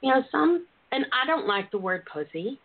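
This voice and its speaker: A high-ish woman's voice comes through a thin, phone-like internet radio line. She hosts casual, bawdy talk with effusive, drawn-out greetings and pet names. Her delivery is frank and freely profane. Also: very animated. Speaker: radio talk show host.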